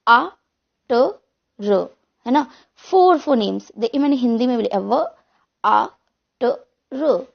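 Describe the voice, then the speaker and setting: Woman teacher, online lecture, fairly high voice, gravelly edge, dull lo-fi sound. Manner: explains step by step, asks and answers own questions. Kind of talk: online exam-prep lecture.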